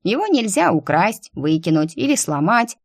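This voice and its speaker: A brash, melodramatic squirrel girl from a fantasy audiobook, as a woman narrator puts her on, her voice pushed up high and bouncing. She bickers and sulks with theatrical flair. The sound is dry and close, with no room around it. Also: big pitch swings, normal speed, no room sound. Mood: sly, bickering. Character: cheeky theatrical female talking squirrel. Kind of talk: audiobook character voice.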